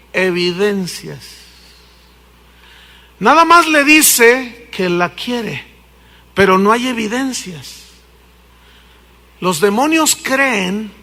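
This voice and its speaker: A man with a Mexican accent preaching a sermon, telling stories and questioning his audience. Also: high voice. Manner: animated storytelling, questioning the audience. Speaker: pastor. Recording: long hall reverb.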